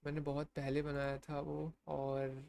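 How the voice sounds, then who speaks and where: A man's voice: on the high side, monotone, unhurried, creaky, darkish tone, slight background noise. A young man with an Indian accent, casually rambling about competitive programming, mixing Hindi and English.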